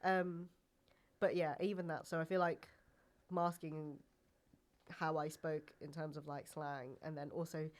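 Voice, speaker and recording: Her voice sits low, with a level tone and measured pace, as this young English podcast guest talks chattily. "Like" and "um" crop up constantly.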